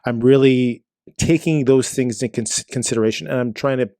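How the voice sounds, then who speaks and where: A man in his forties co-hosting a casual podcast chat, talking earnestly and haltingly with many restarts. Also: mid-range voice, mellow, no echo, clean studio sound. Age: 40s. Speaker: podcast co-host.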